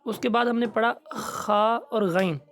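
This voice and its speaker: A man teaching Quran recitation in a recorded lesson, patiently explaining and slowly drawing out each letter sound. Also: sits high, a bit bright.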